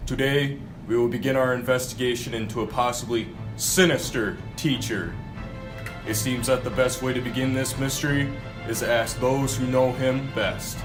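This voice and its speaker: Man narrating an ominous mock documentary. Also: mid-range voice.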